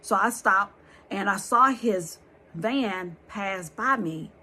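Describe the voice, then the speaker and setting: Speaking slowly in a husky, medium-pitched voice, a woman tells her viewers a scary true story. She's lively and blunt, addressing them directly and swearing freely.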